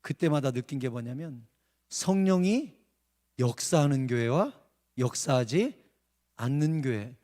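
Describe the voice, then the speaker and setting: A male pastor preaching at an evening revival service. He tells a story that swings from hushed narration to shouted outbursts. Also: mid-range voice, lively intonation, unhurried, long pauses. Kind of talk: revival sermon. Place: church sanctuary.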